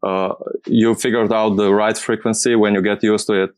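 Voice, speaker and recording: Male interviewee, non-native English speaker, low-pitched and fairly even, halting delivery, dry close sound. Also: clear, resonant tone, no room sound. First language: not English. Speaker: music producer being interviewed. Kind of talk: casual interview answers.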